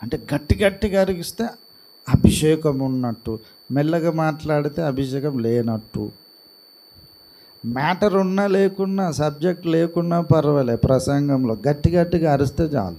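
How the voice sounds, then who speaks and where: A man preaching a sermon in a calm, gentle way, speaking softly rather than shouting. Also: a little high, moderate pace. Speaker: pastor. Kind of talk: slow, soft-spoken Telugu sermon.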